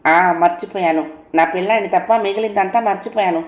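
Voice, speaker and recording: A woman's voice: medium pitch, fairly quick, dull audio, natural voice. Woman reading as a proud young wife, cutting and stern, a bit roomy.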